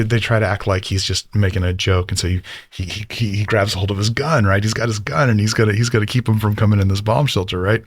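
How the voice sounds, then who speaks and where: Low-voiced man giving a casual lecture. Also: no echo, studio quality. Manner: rambling, filler-heavy, enthusiastic. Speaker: storytelling teacher.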